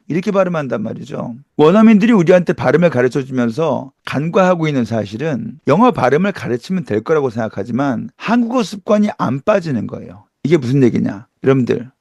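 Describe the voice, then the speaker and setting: A man's voice: mid-range voice, vocal fry, a little mellow, no echo, clean studio sound. A middle-aged man teaching English pronunciation in an emphatic lecture style, asking rhetorical questions and demonstrating sounds. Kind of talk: lively online lecture.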